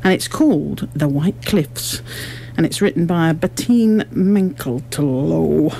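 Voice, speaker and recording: In this radio interview, a woman from an amateur drama group explains things clearly and articulately, as though she prepared her answers. She speaks slowly in a low-pitched, creaky, warm voice. Background noise is noticeable throughout.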